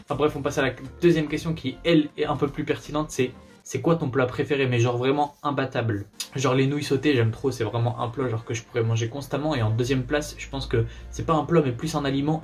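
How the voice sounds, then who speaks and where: Fast-talking young man, northern French accent. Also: medium pitch, darkish tone. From northern France. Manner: chatty, slangy, laid-back. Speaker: YouTuber. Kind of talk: casual Q&A vlog.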